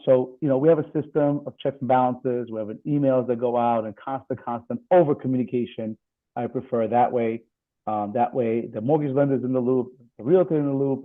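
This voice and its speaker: A man, a real estate attorney, explaining things in a steady, measured way during a seminar. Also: mid-range voice. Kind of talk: seminar presentation on video call. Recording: tinny phone-like call audio.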